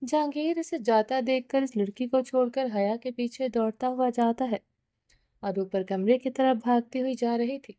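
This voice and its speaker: Woman reading a romance novel audiobook, high mellow voice, dry close sound. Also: no echo. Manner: steady reading with small restarts. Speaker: novel reader. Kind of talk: audiobook narration.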